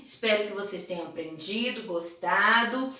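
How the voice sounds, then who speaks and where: A woman teacher with a Brazilian Portuguese accent explaining a phonics exercise, stretching words out slowly. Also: mid-range voice, sharp tone. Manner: slow, stretched-out word pronunciation. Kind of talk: video lesson correcting phonics homework. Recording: echoey room, voice a bit far from mic.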